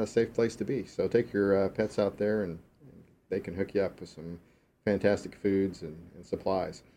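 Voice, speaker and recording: A man's voice: sits low, mellow, slight background noise. A man co-hosting a radio show in casual chat. He is easygoing, chuckles often and explains things at length. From Texas.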